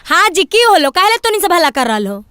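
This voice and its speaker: A woman's voice: very high-pitched, big pitch swings, quick pace, sharp tone, no room sound, studio quality. A woman with a Magahi accent acting in a village comedy skit, answering back in a brusque, dismissive way.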